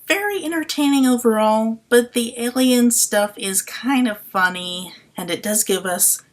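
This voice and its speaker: A woman's voice: fairly high pitch, unhurried. A woman narrating a scripted TV episode review in a sarcastic, exasperated way.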